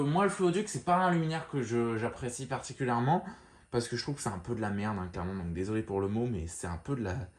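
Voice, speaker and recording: A man giving a casual show-and-tell of a lamp, talking in a relaxed, rambling way full of fillers and restarts. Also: medium pitch. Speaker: lamp collector showing a fixture.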